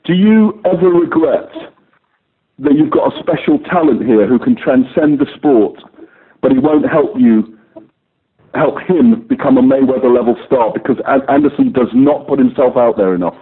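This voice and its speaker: A man's voice: mid-range voice, normal speed, breathy edge. Guy reporter on a conference call, long pushy questions, phone quality sound. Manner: wordy, persistent. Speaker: sports journalist. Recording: narrow telephone line.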